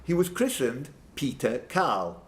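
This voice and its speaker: Hosting a live pub quiz, a man reads out questions between jokey, off-the-cuff banter, laughing at his own jokes. His medium-pitched voice is slow and sing-song, and the room's background noise carries through.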